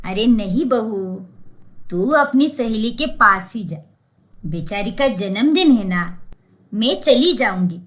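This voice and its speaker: A woman voicing a kindly, curious older village mother-in-law in a cartoon story, speaking in a slow, motherly tone. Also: fairly high pitch, expressive.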